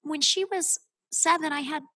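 A woman's voice: high voice, steady tone, moderate pace, sharp tone, no echo, low-quality recording. A woman guest on a podcast, telling her story as a homeschooling mother in an earnest, heartfelt way. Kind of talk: casual podcast interview.

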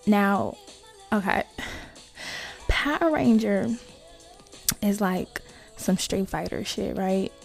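A woman hosting a casual solo podcast, talking to listeners in slangy, sweary asides with creaky vocal fry. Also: mid-range voice, animated, slow pace, pauses often, faint music behind. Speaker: podcast host.

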